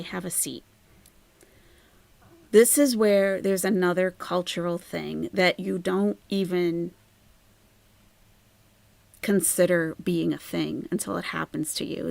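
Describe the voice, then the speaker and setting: A woman hosting a casual livestream and telling a story, animated, laughing often and acting out the people she quotes. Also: fairly low pitch, vocal fry, no echo. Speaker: channel host telling a story.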